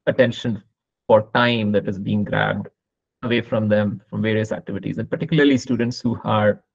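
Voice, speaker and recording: A man hosts an interview in a fairly low voice with a lot of gravelly creak. He phrases long questions in a measured, winding, conversational way. The recording is slightly dull. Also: fairly even intonation. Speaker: podcast host. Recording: slightly dull, muffled audio.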